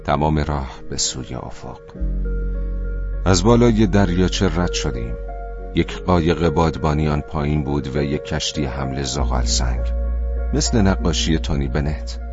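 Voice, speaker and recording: A man narrating an audiobook in a calm, reflective first-person voice. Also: rumbling low. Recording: muffled audiobook recording with faint music.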